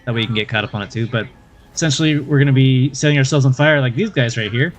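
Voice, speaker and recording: A man's voice: medium pitch, fast talker. A man streaming a game, chatting casually and thinking aloud in a hesitant way as he comments on play. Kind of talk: casual live stream chat and gameplay commentary. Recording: music behind the voice. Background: game music.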